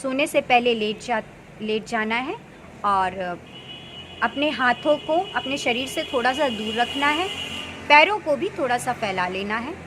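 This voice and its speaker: Woman, 30s, earnest and unhurried, high pitch; recorded with noticeable background noise. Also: animated. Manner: earnest, unhurried, with many pauses and fillers. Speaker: meditation practitioner. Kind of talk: casual spoken advice.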